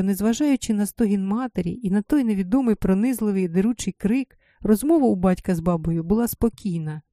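A woman giving a solemn, expressive scripted reading of a literary story. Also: medium pitch, dry recording, studio quality. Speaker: narrator.

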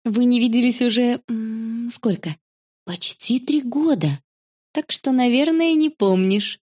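A woman's voice: fairly high pitch, unhurried, dark tone, slightly rough, voice pushed up. A woman voicing a cheerful, affectionate aunt in a storybook reading, friendly and fond.

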